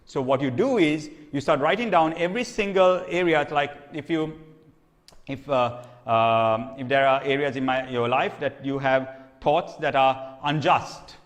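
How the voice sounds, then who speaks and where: A man with a medium-pitched voice gives a sermon in an unhurried, conversational teaching style, recorded in a hall with long reverb. He frequently checks in with "okay?" and often repeats or restarts phrases.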